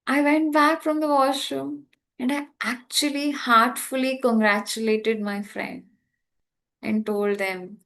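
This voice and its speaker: A young woman with an Indian English accent, sharing a personal story in a spiritual talk, animated and laughing often. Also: fairly high pitch. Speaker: spiritual trainer.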